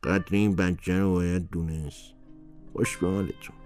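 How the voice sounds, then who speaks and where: A man's voice: deep voice, fairly even intonation, over loud music, lightly acted. A man voicing a shrewd but kindly shopkeeper in a storybook, speaking persuasively. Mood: approving.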